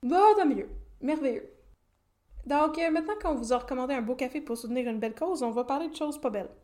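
A woman with a Québécois French accent chats through a podcast. Her voice sits high. She is playful and quick to laugh. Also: darkish tone. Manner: playful, chatty, laughs often. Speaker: podcast co-host. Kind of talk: casual chat.

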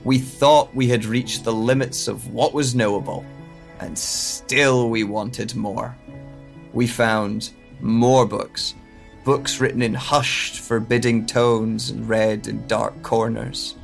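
In an audio drama monologue, a man voices a haunted, guilt-ridden scholar who has lost his memories, speaking in halting, deliberate phrases with a somber, reflective mood. His medium-pitched voice is creaky and fairly even in intonation, with faint music in the background.

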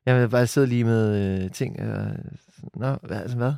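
A man talks casually with a teasing, jokey manner. His pitch is ordinary for a man. The recording is dry and close to the mic. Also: dark tone, smooth, dry recording. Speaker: podcast co-host. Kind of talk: casual chat.

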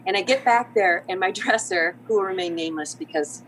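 A middle-aged woman, a podcast guest, telling an animated story with laughter and acted-out quotes. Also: medium pitch, a little fast, background noise. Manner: lively, laughing, acts out quoted lines. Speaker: podcast guest, theater artistic director.

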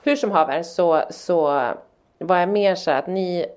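A woman in her forties, a mother, telling a story in casual chat and acting out the quoted lines. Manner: animated, acts out quotes with raised pitch.

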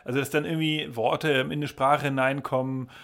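A man's voice: medium pitch, little pitch movement, normal speed, fairly bright tone. A man hosting a podcast who asks long, rambling questions and keeps restarting his sentences. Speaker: podcast host. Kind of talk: podcast interview.

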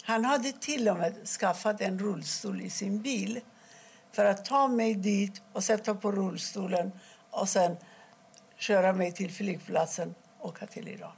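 Gravelly husky-voiced woman telling her story. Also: mid-range voice, darkish tone. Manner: halting, with restarts and quoted dialogue. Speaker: interviewee. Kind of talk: personal account in an interview.

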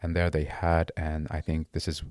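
A guest in a casual interview, this very deep-voiced man in his late twenties comes from Iraq and doesn't speak English natively. He speaks haltingly, restarting phrases while hunting for words, in a monotone with a darkish tone. The recording is dry and close, with little room sound and no echo.

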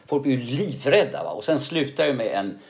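An older male actor being interviewed, telling stories in a lively way and often ending sentences with a questioning tag. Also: medium pitch. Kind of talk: casual interview storytelling.

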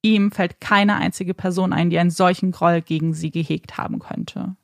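A woman's voice: on the low side, fairly even intonation, moderate pace, gravelly, no room sound, studio quality. A woman narrating a true crime case in a scripted, dramatic storytelling manner.

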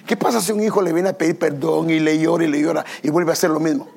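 Speaking at a quick pace with fairly even intonation, the pastor has a fairly high, gravelly yet slightly mellow voice. His sermon at the church service mixes self-deprecating personal stories with questions put to the congregation.

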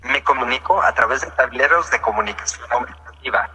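A man's voice: mid-range voice, brisk, sharp tone, breathy edge. A robotic male text-to-speech voice, like an old speech synthesizer, delivering a prepared formal speech. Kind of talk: prepared formal speech through a communication device. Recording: hall reverb, played-back senate video.

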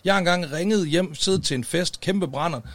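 A man's voice: high voice, no room sound. A man in his forties co-hosting a casual podcast, blunt and swearing freely as he tells anecdotes. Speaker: podcast co-host.

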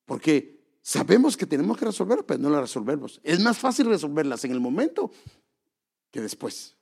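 Creaky-voiced man preaching a sermon. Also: fairly high pitch, sing-song, normal speed, darkish tone. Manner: asks the congregation rhetorical questions; earnest, exhorting.

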